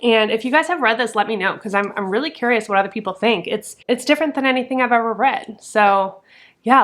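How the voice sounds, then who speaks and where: A woman's voice: on the high side, a bit bright, no echo. A woman talking frankly about books in a casual vlog, often exasperated and swearing freely. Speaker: book vlogger. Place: in a truck on a hot day.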